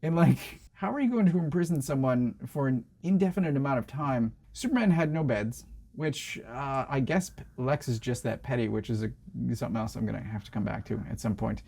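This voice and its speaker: A man co-hosting a movie review podcast in casual conversation. He speaks bluntly and gets exasperated when he rants about things that bother him. His voice sits at an ordinary middle pitch. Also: brisk, creaky, warm tone. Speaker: podcast co-host.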